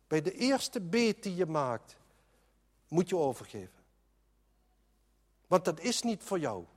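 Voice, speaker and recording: A man's voice: on the high side, sing-song, takes it slowly, in a large hall. A man preaching a sermon in an earnest, emphatic way, often restarting his sentences.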